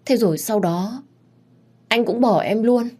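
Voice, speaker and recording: A woman's voice: a little high, a little slow, mellow, voice pushed up. A woman voicing a tearful, defiant young woman in an audiobook story, speaking in an emotional, pleading way.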